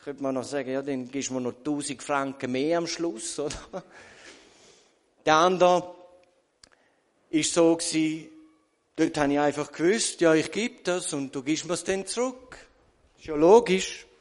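A man's voice: on the high side, measured pace, long pauses, long reverb tail. A man with a Swiss German accent giving a sermon testimony, telling his story with quoted asides and rhetorical questions. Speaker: preacher.

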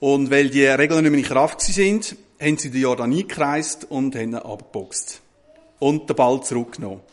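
A man, telling a parable in a sermon with a lively, chatty manner. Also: medium pitch, fairly quick. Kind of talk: sermon storytelling.

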